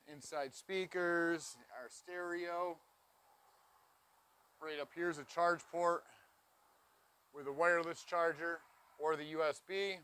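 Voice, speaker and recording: A man's voice: on the high side, fairly even intonation, slow, long pauses, pushed and bright, clear, resonant tone. A man in his forties giving an enthusiastic walkaround tour of a camping trailer, recorded on a lapel mic. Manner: enthusiastic, pointing things out as he walks. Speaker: trailer reviewer. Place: inside and around a cargo trailer on an outdoor lot.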